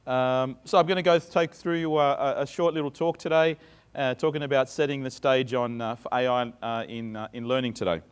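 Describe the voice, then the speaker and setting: With fairly even intonation and a smooth, medium-pitched voice, a middle-aged Australian from Sydney talks a little fast at a conference. His chatty stage delivery has many fillers and restarts, heard in a reverberant hall.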